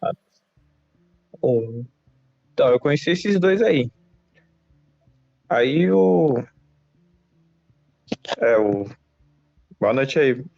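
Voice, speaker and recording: A Brazilian man with a medium-pitched voice and vocal fry streams a mobile game, drawing out words and leaving long pauses. He chats casually in slang with a Brazilian Portuguese accent and keeps restarting his sentences. The dull lo-fi mic also picks up game music.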